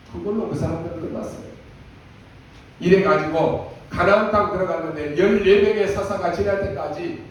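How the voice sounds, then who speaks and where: A man's voice: sits high, a little hiss or hum. A male pastor delivering an emphatic sermon, acting out prayers in a raised voice. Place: church sanctuary. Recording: echoey church hall from far off.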